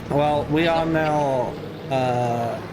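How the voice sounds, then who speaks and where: A man commentating a live race stream in a relaxed way, often trailing off into fillers. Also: a little high, extremely slow. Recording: noisy background.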